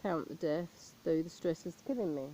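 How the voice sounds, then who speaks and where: A woman performing a deadpan comic monologue as a stand-up comedian, reeling off lists of jokes in a dry, flat delivery. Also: low voice, moderate pace, slight background noise, low-quality recording. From abroad, not England. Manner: deadpan list-making delivery.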